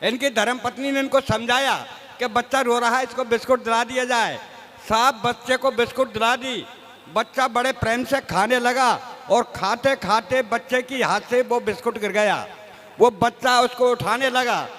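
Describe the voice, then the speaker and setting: A man's voice: extremely high pitch, normal speed, fairly bright tone. A man from Rajasthan performing stage comedy poetry, folksy and self-mocking, talking straight to the audience. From Rajasthan, India. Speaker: comic poet. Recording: echoey hall reverb.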